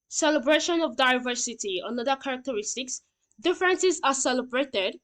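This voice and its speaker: Lesson points are read out by a woman teacher whose voice sits high; she explains each one plainly and keeps checking that her learners are with her.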